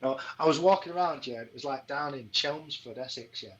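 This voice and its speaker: Sweary bloke chatting. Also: male voice, mid-range voice, a little fast, dull audio. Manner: swears a lot, keeps asking "do you know what I mean". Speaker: podcast guest, fight MC. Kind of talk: casual chat.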